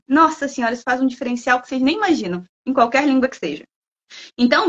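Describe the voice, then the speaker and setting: A woman from Brazil, a guest speaker who talks in a lively, playful way and acts out imagined students' lines. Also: high voice, dull audio. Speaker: guest speaker, language school head. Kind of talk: lively talk in a livestream.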